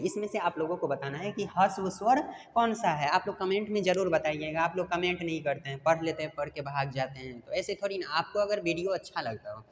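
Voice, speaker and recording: A man's voice: sits high, fairly bright tone. Man teaching grammar in an echoey hall. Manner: repetitive, drills points with tag questions. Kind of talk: online grammar lesson. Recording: long hall reverb, faint noise.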